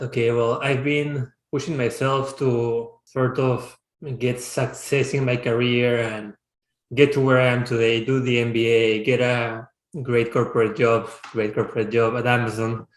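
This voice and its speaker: A man in his thirties from Peru, a startup founder, answering interview questions reflectively and often pausing to restart his sentences. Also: medium pitch. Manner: reflective, searching for words with frequent restarts. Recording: roomy, echoey sound.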